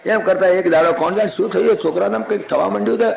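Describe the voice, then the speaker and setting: A man giving a devotional sermon, telling a scripture story in a lively, folksy way with chuckling asides. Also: high-pitched, very fast, creaky, roomy sound, slight background noise, rough recording.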